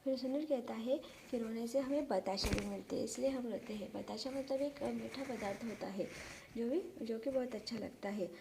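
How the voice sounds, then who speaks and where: Woman teacher retelling a story, higher voice. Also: moderate pace, vocal fry, background noise. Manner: retells the story and stops to explain words. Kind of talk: explaining a story lesson to pupils.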